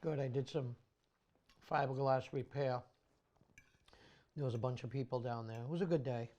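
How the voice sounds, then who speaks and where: A man's voice: mid-range voice, fairly even intonation, moderate pace, dark tone. A man who works as a charter fishing captain, talking casually in a documentary interview.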